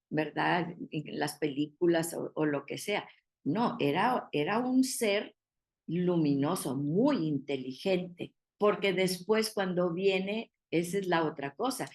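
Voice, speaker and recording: Slow-paced woman teaching Bible study. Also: fairly low pitch. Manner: explains patiently, asks the group questions.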